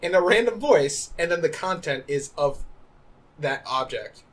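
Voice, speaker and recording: A man co-hosting a casual podcast chat, animated and storytelling, slipping into quoted voices. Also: on the high side, measured pace. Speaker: podcast co-host.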